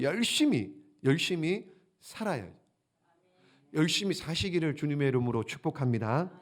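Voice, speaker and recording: Male pastor, sermon, fairly high and very animated delivery, asks and answers. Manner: animated, asks the congregation questions and answers them.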